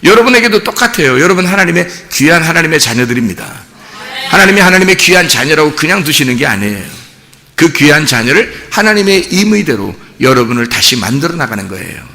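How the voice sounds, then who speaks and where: A man preaching a sermon as pastor, telling a story with animated voices for each figure. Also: a little high, quick pace. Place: church sanctuary. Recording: long hall reverb.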